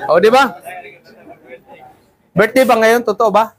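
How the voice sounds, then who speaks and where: A man's voice: high voice, a little slow, crowd noise. A man teaching a class of seafarer trainees, lecturing and often checking in with "ha?" and "di ba?". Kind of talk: classroom talk.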